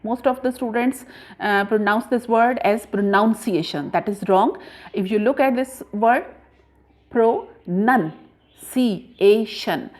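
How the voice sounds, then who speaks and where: A woman teaching a grammar lesson patiently, spelling words out letter by letter with frequent pauses. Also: fairly high pitch. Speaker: English teacher.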